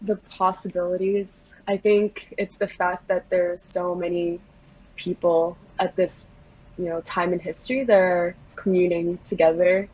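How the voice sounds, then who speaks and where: A young woman from the Philippines talks easily as a podcast guest, filling her answers with little laughs. Her voice sits a bit low and has a husky edge. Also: unhurried, muffled recording. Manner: relaxed, laughs often, lots of fillers. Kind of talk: casual interview.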